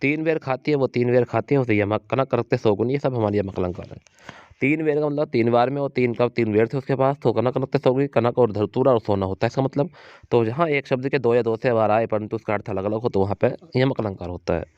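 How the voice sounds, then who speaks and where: A man teaching an exam coaching lesson, repeating key points, asking his students questions and slowing down to recite verse lines. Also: mid-range voice, darkish tone, clear, resonant tone, dry recording. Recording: dry, dull lo-fi sound.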